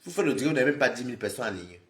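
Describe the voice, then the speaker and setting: A man live streaming, scolding and lecturing his viewers in an animated, repetitive rant. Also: medium pitch, very fast, roomy sound. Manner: scolding, animated, repeats himself, talks straight to viewers.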